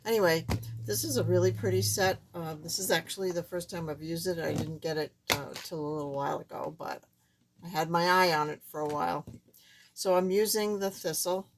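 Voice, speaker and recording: A woman with a thin, squeaky, reedy voice that is not quite back to normal, giving a casual, step-by-step craft tutorial in a halting way. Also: steady tone, background noise. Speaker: card-making tutorial host.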